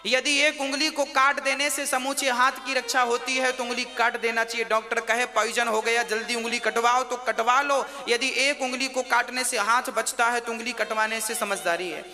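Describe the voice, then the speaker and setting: A man's voice: very high-pitched, fairly even intonation, normal speed, few pauses, big-room sound. A man voicing a wise older male counselor giving stern advice in a sermon.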